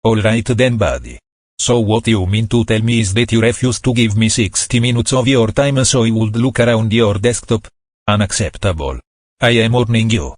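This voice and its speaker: A man's voice: fairly low pitch, normal speed, no echo, lightly acted. A man voicing a smug male computer virus villain who taunts and makes escalating threats in a comedy skit. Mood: menacing.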